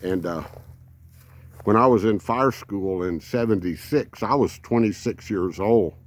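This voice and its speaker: A man's voice: on the low side, unhurried. A man, telling rambling folksy stories as an RV vlogger. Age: 70s. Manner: rambling, folksy, many fillers. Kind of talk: casual storytelling.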